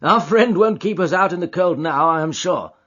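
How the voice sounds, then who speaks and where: A genial, self-assured gentleman detective, as a male reader plays him, his voice lifted and husky. He sounds friendly and confident, and the audiobook recording is dull and lo-fi. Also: sits high, moderate pace, pitched above the performer's own voice. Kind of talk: audiobook character voice.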